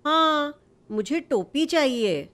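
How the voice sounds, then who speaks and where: A woman's voice: high voice, animated, slow pace, a bit bright, pitched above the performer's own voice, heavily acted. A woman voicing a small, cheerful male mouse who pleads and boasts in a sing-song way. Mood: eager.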